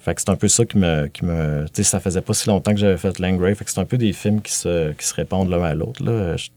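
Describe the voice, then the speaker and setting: A man's voice: low-pitched, fast, warm tone. A man in his late thirties with a Quebec French accent. He is a film director talking reflectively in a casual interview, stammering and laughing between thoughts. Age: late 30s.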